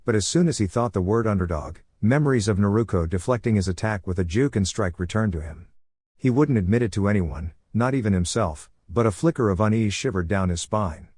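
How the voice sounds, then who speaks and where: Man, narrator, fan fiction story, low voice, even read, dry sound. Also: a little fast, breathy edge, no echo. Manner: even storytelling read, same voice for all characters.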